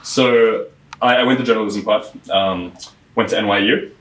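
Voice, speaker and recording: A young man from South Africa, a guest telling his story in a casual interview, chatty and full of fillers, recorded on a lapel mic in a bright room by a window. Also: fairly low pitch, steady tone, normal speed, slight background noise. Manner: chatty storyteller, many likes and fillers, laughs often. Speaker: guest, PR firm founder. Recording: roomy echo, mic at a distance.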